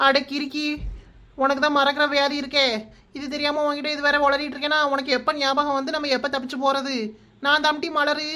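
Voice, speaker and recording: A woman's voice: high-pitched, monotone, fairly quick, bright, forceful tone. A woman voicing a brash, scolding young bride-to-be. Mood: scolding panicky. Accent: Kanyakumari Tamil. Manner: scolding, wailing, full of insults. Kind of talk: cartoon voice acting.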